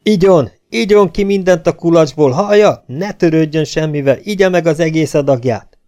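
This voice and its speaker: A man voicing a desperate baron who urgently shouts at a collapsing comrade in an audiobook. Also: fairly high pitch, voice pushed up, natural voice. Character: desperate male baron, a fellow legionnaire.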